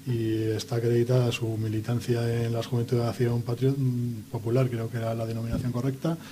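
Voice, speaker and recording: A man from Spain, a guest historian on a radio panel, speaking in a measured way with many hesitations. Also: medium pitch, level tone, very noisy. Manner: measured, hesitant with frequent fillers.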